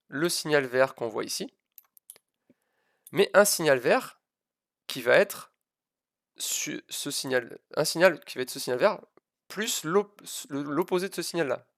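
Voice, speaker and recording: A physics teacher streams an informal live lesson, hesitant and self-deprecating, repeating and stressing key words as he explains. His voice is on the high side, gravelly and a bit bright, recorded at studio quality without echo.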